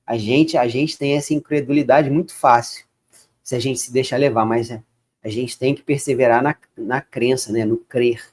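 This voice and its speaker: A man reading Bible verses aloud and breaking off into relaxed, chatty commentary. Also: medium pitch, normal speed. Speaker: bible reader.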